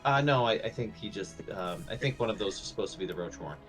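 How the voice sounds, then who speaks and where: A man co-casting a live strategy game, excitable and jokey, talking in quick bursts. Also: on the low side, soft background music. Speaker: esports co-caster.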